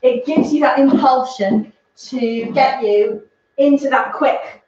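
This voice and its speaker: High-voiced giggly woman in an echoey studio. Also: slow, darkish tone. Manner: giggly, explains steps. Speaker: dance teacher, co-host. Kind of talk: live-streamed dance lesson. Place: dance studio. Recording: very echoey, distant, dull camera sound.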